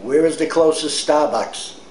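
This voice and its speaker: A man with a strong Boston accent talks loudly and carefully into a phone, stretching his words. The recording is roomy, with noise behind him. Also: a little high. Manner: loud, deliberate talk to a phone. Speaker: journalist.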